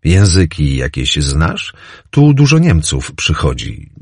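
A man's voice: extremely low pitch, big pitch swings, takes it slowly, slightly rough, no echo, studio quality, heavily acted. A man doing an earnest, reserved job seeker. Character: reserved young man seeking steady work.

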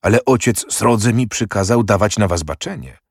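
A man's voice: lowish voice, expressive, normal speed, vocal fry, no echo, studio quality. A man reading the part of an uneasy young attendant who speaks hesitantly and apologetically.

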